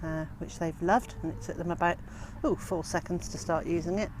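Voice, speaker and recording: A woman in her fifties, a homesteading vlogger, chatting casually outdoors by her chicken pens, gently amused and sometimes talking to her birds. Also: lowish voice, steady tone, fairly quick, slight background noise. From Wales. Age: 50s. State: out of breath. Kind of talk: casual vlog narration.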